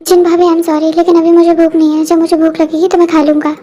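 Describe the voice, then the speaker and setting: High-voiced reader doing a sorry young man. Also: completely flat delivery, fast talker, dark tone. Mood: subdued. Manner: pleading, apologetic. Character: remorseful young man pleading for forgiveness.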